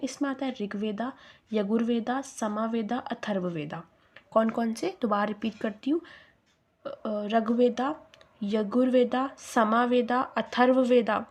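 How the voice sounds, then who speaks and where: A woman's voice: on the high side, a little mellow. A young Indian woman teaching exam revision. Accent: Indian English. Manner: explains step by step, asks rhetorical questions and answers them; mixes English terms into Hindi.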